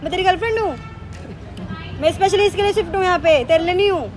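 A woman's voice: extremely high pitch, fast talker, a faint crowd. A woman vlogger arguing heatedly and pleading in a prank video, recorded outdoors. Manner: argumentative and pleading. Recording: outdoor street noise.

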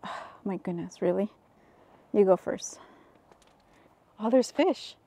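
Woman vlogger recorded outdoors on a handheld camera, unhurried delivery, exclaims and whispers while walking a trail. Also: mid-range voice, gravelly, warm tone, no room sound. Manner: chatty, exclaims often, drops to whispers. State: out of breath. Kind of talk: casual walking vlog.

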